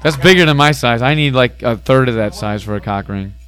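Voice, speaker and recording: A man's voice: mid-range voice, fairly quick, fairly bright tone, clear, resonant tone. A man hosting a podcast, talking in crude, teasing casual banter into a studio mic. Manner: joking, teasing, crude humor. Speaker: podcast host.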